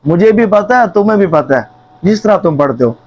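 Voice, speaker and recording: Fatherly old holy man, calm and knowing, a preacher putting him on, slightly high, muffled lo-fi sound. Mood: gently firm. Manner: fatherly, calls listener son. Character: old male holy elder, gentle and knowing.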